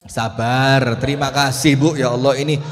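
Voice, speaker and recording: A male preacher gives a lively, humorous sermon and acts out little dialogues. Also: mid-range voice, moderate pace. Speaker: preacher (ustadz). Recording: long hall reverb.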